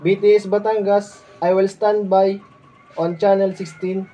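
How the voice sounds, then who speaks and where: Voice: mid-range voice, level tone, a little slow, mellow, rough recording. A speaker making a formal ship's radio call over a walkie-talkie, reading out numbers digit by digit in set procedure. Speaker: ship officer in a radio drill. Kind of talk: scripted maritime radio call.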